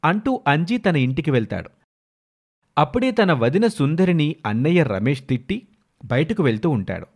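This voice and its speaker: A man narrating a moral story for a cartoon in a steady, plain storytelling manner. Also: fairly high pitch, normal speed, husky.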